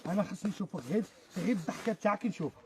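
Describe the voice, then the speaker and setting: Very fast-talking Algerian man, high-pitched. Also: a crowd in the background. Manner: insistent, repeating phrases. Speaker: charity video host. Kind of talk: consoling, spontaneous talk. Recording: other voices close around.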